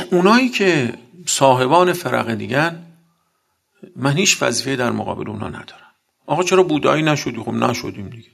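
A man's voice: medium pitch, animated, creaky, a bit bright. A man giving a blunt sermon, telling combative anecdotes and acting out the dialogue.

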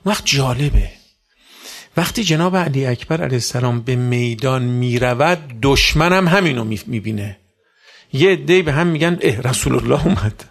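A man preaching a sermon to a religious gathering, asking rhetorical questions and rising sharply in pitch and volume. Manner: rhetorical questions, sudden loud rises in pitch.

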